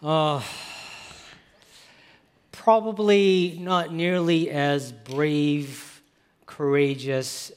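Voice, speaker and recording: A man, the author, speaking thoughtfully and measured about his life. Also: on the high side, fairly even intonation, smooth, big-room sound, soft background music. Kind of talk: reflective conversation.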